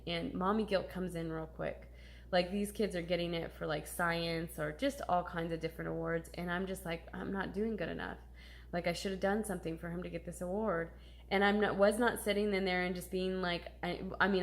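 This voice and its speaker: A woman's voice: on the low side, creaky. A woman in her thirties talking candidly and emotionally in a personal vlog, swearing casually as she confides. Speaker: vlogger.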